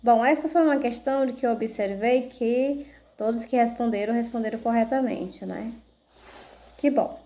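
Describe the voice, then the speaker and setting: A woman teacher with a Brazilian Portuguese accent, giving a video lesson, slow and patient, spelling out syllables and checking in with little tag questions. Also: on the high side, mellow.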